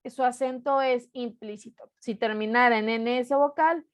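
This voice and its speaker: A woman's voice: on the high side, fairly even intonation, normal speed, no room sound. A young woman from Mexico teaching an online class, patiently explaining rules step by step and repeating them.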